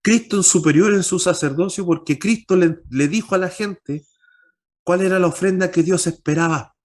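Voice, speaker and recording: A pastor teaches a Bible class at normal speed, posing rhetorical questions and answering them himself. On key points he pushes his pitch up.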